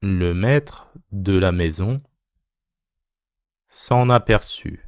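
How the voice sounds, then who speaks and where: A man's voice: low voice, drawn-out words, a little mellow, dry recording, studio quality. A man dictating a text as a teacher, phrase by phrase, repeating each short phrase and speaking the punctuation aloud.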